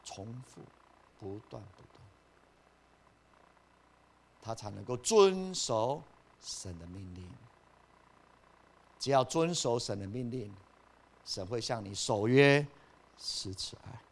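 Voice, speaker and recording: A man preaching a sermon. He moves from soft asides to loud, rising emphasis, and he asks the listeners questions and then answers them himself. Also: medium pitch, lively intonation, takes it slowly, gravelly, long pauses. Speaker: pastor.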